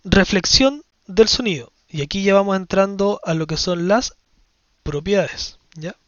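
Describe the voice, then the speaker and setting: A man with a fairly high voice explains physics to his class, step by step, checking that students follow. The recording is dry and a little dull. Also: a little slow, fairly bright tone, no room sound. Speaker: science teacher. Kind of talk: physics lesson explaining exam questions.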